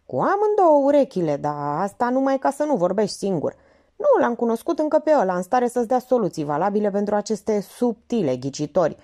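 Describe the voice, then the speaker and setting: A woman's voice: medium pitch, very animated, mellow, voice pushed up, natural voice. A woman reading the part of an ironic, joking young male police lieutenant.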